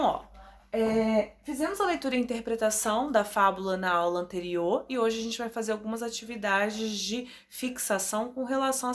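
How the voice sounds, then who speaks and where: A woman teacher with a Brazilian Portuguese accent, giving a recorded class to young children and drawing out words slowly to sound out their syllables. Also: on the high side. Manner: drawn-out, stretching words to sound them out for children. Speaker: primary school teacher.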